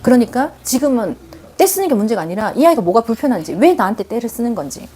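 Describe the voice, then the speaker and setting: Husky, lively woman giving parenting advice. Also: a little high, fast. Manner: emphatic, direct, acts out quoted parent and child lines. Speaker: parenting counselor. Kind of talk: live parenting advice chat. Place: live online broadcast.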